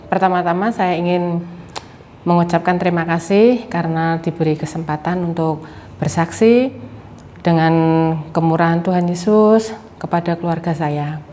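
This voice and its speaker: A woman telling a personal testimony in church, halting and hesitant, with many fillers. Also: on the low side, warm tone. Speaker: congregant giving testimony. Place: church service.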